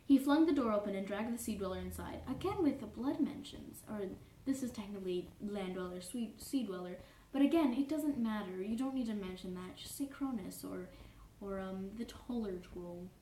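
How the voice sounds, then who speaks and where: A young woman cosplays a prim, touchy troll and reads fanfiction aloud in a formal, pedantic manner, fussily pausing to correct herself and apologize. Her mellow, slightly dark voice sits at medium pitch, expressive and moderately paced, close to how she'd normally speak. The mic is distant, the room echoes, and there's faint background noise.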